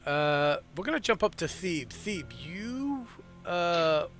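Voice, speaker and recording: A man's voice: on the high side, very animated, slow, fairly bright tone, soft background music. A young man narrating as dungeon master in a rambling, hesitant way with lots of fillers. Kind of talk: narrating a tabletop game.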